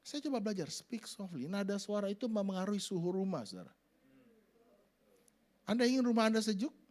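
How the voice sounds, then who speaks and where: A middle-aged man preaching a sermon, acting out family scenes in sudden loud voices. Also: sits high, brisk. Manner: animated, acts out family scenes with shouted voices. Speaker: pastor.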